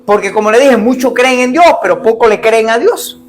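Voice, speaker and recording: A man preaching a lively sermon, calling out to the congregation and acting out the cries of the blind men. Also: very high-pitched, brisk, soft background music, poor audio. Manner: animated, calls out to congregation, acts out biblical cries. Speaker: pastor.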